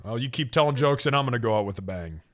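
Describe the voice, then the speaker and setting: A man's voice: medium pitch, animated, very fast. Profane joking man in his thirties. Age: 30s. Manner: joking, profane, rambling with restarts. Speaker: podcast host. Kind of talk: casual podcast chat.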